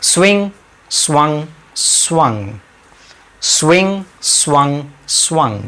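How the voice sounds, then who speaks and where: An English teacher with an Indian accent, slowly repeating verb forms in a sing-song drill and explaining them in Hindi. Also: medium pitch, sing-song, fairly bright tone. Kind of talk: slow drilled vocabulary lesson.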